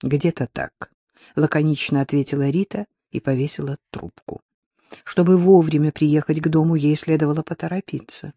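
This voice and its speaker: A man reading a crime novel aloud as narrator, in a steady storytelling manner. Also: fairly high pitch, a little fast, no room sound, clean studio sound. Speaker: audiobook narrator. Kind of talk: scripted narration.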